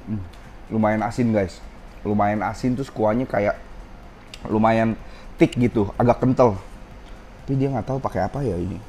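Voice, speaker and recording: Brief: man vlogging at a ramen restaurant, low and mellow, chatty, slight sore throat, faint room noise. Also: moderate pace, pauses often. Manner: chatty, keeps saying guys, tastes as he talks. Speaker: food vlogger. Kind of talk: casual food review vlog.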